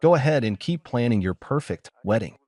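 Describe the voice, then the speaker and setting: A man's voice: mid-range voice, expressive, brisk, mellow, dry recording, close to an everyday voice. A man voicing a spiteful young woman, a former best friend, who talks with mocking sarcasm. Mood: sarcastic, mocking.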